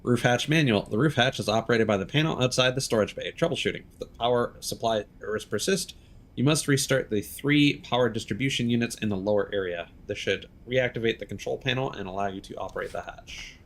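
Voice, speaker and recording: A man streams a video game, giving casual, reactive live commentary, thinking aloud and swearing freely. His voice is mid-range and his pace a little fast.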